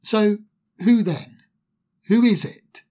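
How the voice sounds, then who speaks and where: A woman's voice: mid-range voice, slow, warm tone, voice pushed up, natural voice. A woman voicing a sulky young male fire sprite in a storybook, answering curtly and with irritation. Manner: curt, irritated replies.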